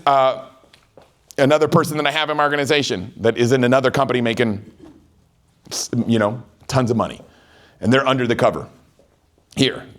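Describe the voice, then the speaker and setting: Fast-talking, energetic middle-aged man. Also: medium pitch. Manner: energetic, chatty storyteller who keeps checking in with the audience. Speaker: network marketing trainer. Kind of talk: motivational sales training talk.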